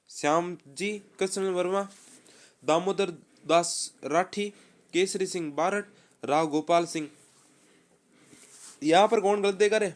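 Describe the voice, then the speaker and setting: A man teaching a live online exam-prep quiz class, reading options and repeating answers in a brisk, quizzing manner. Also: high-pitched.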